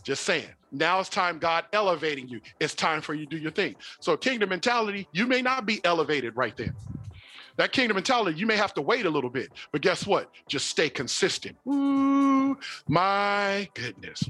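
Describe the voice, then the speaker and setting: A man's voice: a little high, big pitch swings, fairly quick, pushed and bright. A man pastor, preaching a casual sermon in a folksy, repetitive way. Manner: folksy, preachy, says "y'all" and "wait a minute" often.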